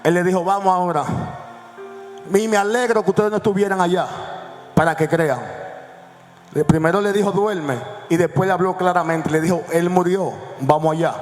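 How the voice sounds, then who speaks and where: A male pastor preaching a sermon, swinging between hushed lines and shouts and calling the congregation to repeat after him. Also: high-pitched, steady tone, moderate pace. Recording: echoey hall with faint music.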